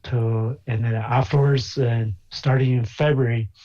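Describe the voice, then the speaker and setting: Over slightly dull call audio, a physician and investor from China answers interview questions in a mellow, medium-pitched voice with fairly even intonation. He pauses often with fillers and sounds hesitant.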